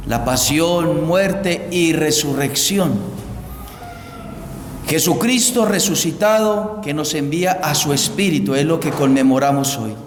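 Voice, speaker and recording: A male priest delivers Scripture and homily in a solemn, deliberate way. His voice sits a little high and moves slowly. It rings with the long echo of a large church. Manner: solemn, measured, deliberate phrasing. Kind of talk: liturgical Gospel reading and homily. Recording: echoey church, long reverb, faint noise.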